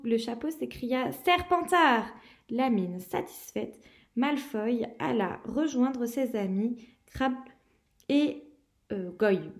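A woman's voice: on the high side, darkish tone. A woman reading a novel aloud, with small slips and self-corrections, lifting her voice for names that are called out. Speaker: reader.

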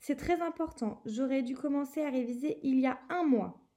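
A woman reading the part of a bossy, anxious schoolgirl witch, insistent and quickening. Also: high-pitched, mellow, lightly acted.

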